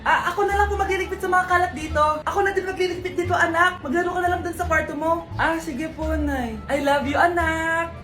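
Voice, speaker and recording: A woman's voice: very high-pitched, fast talker, few pauses. A woman playing several family roles herself in a comedy sketch, switching voices playfully. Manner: playful voice-switching between mother and child. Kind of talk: acted comedy sketch playing many parts. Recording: music behind.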